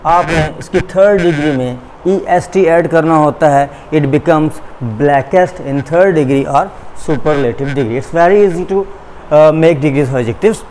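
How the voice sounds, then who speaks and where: A man with a Pakistani accent teaching English in a recorded online lecture, shifting between slow, deliberate English and quicker Urdu explanations. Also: on the high side, darkish tone, a little hiss or hum, low-quality recording. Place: school classroom or studio.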